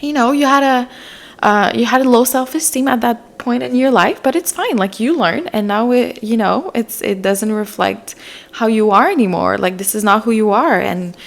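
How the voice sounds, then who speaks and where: A woman voicing a gentle, nurturing parent who softly coaxes and reassures a child. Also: fairly high pitch, normal speed, creaky. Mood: soothing. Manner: soft, coaxing, affectionate.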